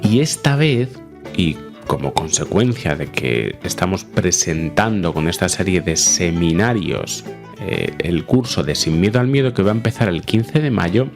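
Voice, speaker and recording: A deep-voiced man hosts an explanatory podcast about the mind. He talks in an easy, conversational way and keeps tossing short check-in questions to his listeners. A faint bed of music sits underneath. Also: animated, unhurried. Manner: conversational, frequent tag questions. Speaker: podcast host.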